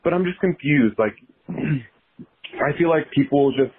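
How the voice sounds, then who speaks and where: Deep pitch-shifted male caller, tinny. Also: slow pace, a little hiss or hum. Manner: hesitant, full of ums and likes. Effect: sounds deep and pitch-shifted, like a voice changer. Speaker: caller leaving a voice message. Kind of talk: casual recorded question. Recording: tinny phone-like voice message.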